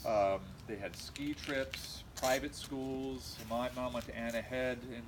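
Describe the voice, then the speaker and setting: A middle-aged man from California with an American accent, giving an informal eulogy in a halting, reminiscing way with frequent pauses. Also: mid-range voice. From California, USA. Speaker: eulogist, nephew of the deceased. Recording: noisy amateur recording, steady background noise.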